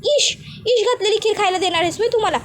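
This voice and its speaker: A woman's voice: extremely high pitch, brisk, slight background noise. Woman doing a nosy rustic village auntie. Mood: alarmed. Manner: rustic village speech, excitable.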